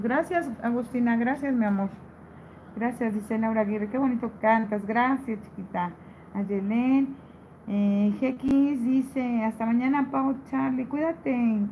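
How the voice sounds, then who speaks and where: Woman on a live stream reading the chat out loud, kinda high voice, takes it slow, teasing and sweet. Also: creaky, slight background noise, rough recording. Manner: reads viewer comments aloud and answers affectionately; playful, teasing, laughs often.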